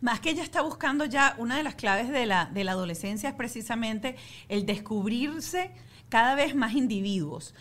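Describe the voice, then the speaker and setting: A woman's voice: a little high, fairly bright tone. Woman podcast host, casual, asks short follow-up questions. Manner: attentive, prompting with short questions.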